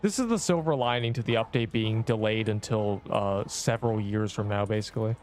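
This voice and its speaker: A young man streaming a game, chatting along in a casual, excitable way with gamer slang. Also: fairly low pitch, a little fast. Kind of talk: casual livestream commentary.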